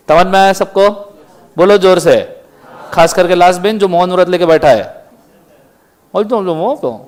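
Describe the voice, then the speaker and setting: Strict high-voiced male lecturer. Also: darkish tone. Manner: strict, scolding students, firing questions at the class. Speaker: law lecturer. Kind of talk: classroom lecture. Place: classroom.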